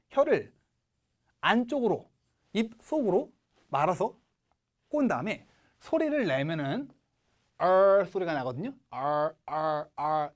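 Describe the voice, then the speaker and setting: A man teaching English speaking-test pronunciation in a recorded lecture, modelling words slowly and often checking in with his students. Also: on the high side, darkish tone.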